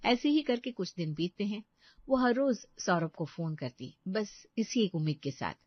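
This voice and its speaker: A woman narrating an animated family story, engaging and speaking directly to the listeners. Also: medium pitch, moderate pace, no room sound. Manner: warm, engaging, addresses listeners. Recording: dry, slightly dull lo-fi audio.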